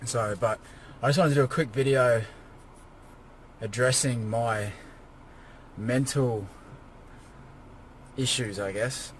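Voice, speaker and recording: A man's voice: medium pitch, slow pace, long pauses. Exhausted man rambling in a noisy car. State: exhausted, drained after a workout. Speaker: fitness vlogger preparing for a bodybuilding show. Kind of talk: casual personal rant to camera. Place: inside a car. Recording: noisy car interior, vehicle ambience.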